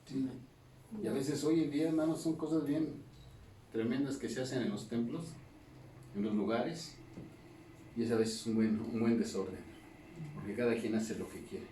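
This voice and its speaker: A man's voice: medium pitch, darkish tone, slight background noise. A male pastor leading a Bible study, teaching in a conversational way and checking in with the congregation through constant tag questions. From Mexico. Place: church hall. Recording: echoey room, distant mic, faint ambience.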